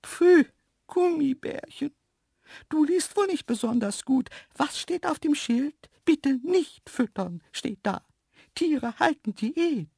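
A storyteller voicing two cheeky, teasing invisible antelopes in a high, sly, whispery voice. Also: animated, slow, gravelly, darkish tone, no echo, clean studio sound, exaggerated voice. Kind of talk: audiobook storytelling.

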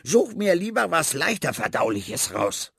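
A man's voice: on the high side, very animated, measured pace, creaky, fairly bright tone, breathy edge, dry recording, studio quality, voice pushed up, full character voice. A man voicing a greedy, know-it-all rat who snaps and talks down to a boy. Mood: snappish. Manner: snappish and condescending.

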